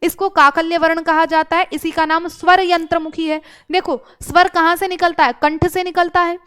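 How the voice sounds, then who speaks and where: A woman's voice: extremely high pitch, flat delivery, normal speed, a bit bright. A woman teacher explaining grammar step by step, asking questions and answering them herself. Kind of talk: exam-prep grammar lesson.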